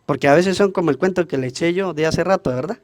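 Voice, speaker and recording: A man's voice: fairly high pitch, fast, no echo, studio quality. A man, a priest, preaching a homily at Mass, asking the congregation questions and answering them himself. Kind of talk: call-and-response homily at Mass.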